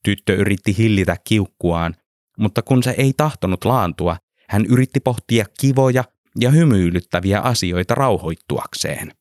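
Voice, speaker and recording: A man with a very low, deep voice narrates a story in a calm, measured way. The recording is close and completely dry, with no room sound at all. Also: dry recording.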